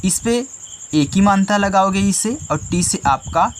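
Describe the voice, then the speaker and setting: A man teaches young children a reading lesson in a patient, step-by-step way, asking a question and then answering it. His voice sits a little higher than most men's. Faint insect and cricket sounds run underneath the recording. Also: measured pace, a little hiss or hum.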